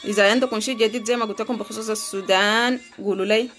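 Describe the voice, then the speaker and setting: A woman leads a live online French lesson. Her voice sits at a middling pitch, and soft music plays faintly behind her. She says each phrase slowly and clearly, then moves into quick, casual chat. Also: fairly even intonation. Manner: slow, deliberate repetition of phrases for drilling; quick, conversational asides with fillers. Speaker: French teacher.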